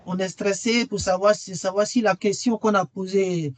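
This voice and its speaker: A man's voice: high-pitched, fairly even intonation, normal speed, no echo. A man presenting a webinar and earnestly persuading listeners to join his training course, repeating key phrases for emphasis. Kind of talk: webinar sales pitch.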